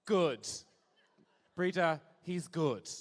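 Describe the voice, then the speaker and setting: A man's voice: a little high, animated, extremely slow. A man hosting a live show, doing playful, campy crowd work with a handheld mic in a large venue. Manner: playful, teasing, camp. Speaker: host. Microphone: handheld microphone. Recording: echoey hall.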